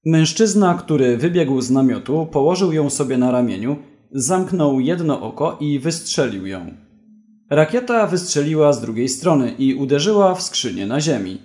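A man's voice: a little high, lively intonation, moderate pace, mellow. A man reading an action story aloud as narrator in an evenly paced way. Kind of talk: scripted audiobook narration.

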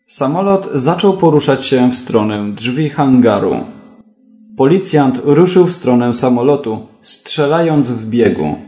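A man reading a thriller audiobook in a measured, even way. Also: mid-range voice, roomy sound. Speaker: narrator. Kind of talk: audiobook narration.

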